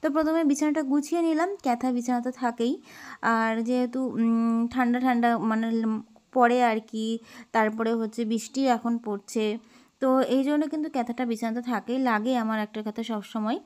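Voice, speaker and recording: A woman, narrating her daily housework in a slow, gentle vlog voice-over with many pauses and fillers. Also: on the high side, fairly even intonation. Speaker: homemaker vlogger.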